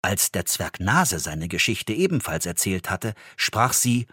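Man reading a fairy tale with a husky voice. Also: deep voice, a little slow, dry recording, clean studio sound. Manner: expressive, storytelling. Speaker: narrator. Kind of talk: fairy tale read aloud.

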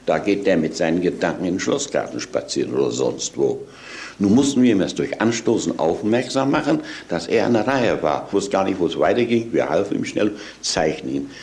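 A man's voice: deep voice, expressive, fairly quick, darkish tone. An older man, an actor, telling an anecdote from memory as a reminiscence. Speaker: actor recalling his radio work.

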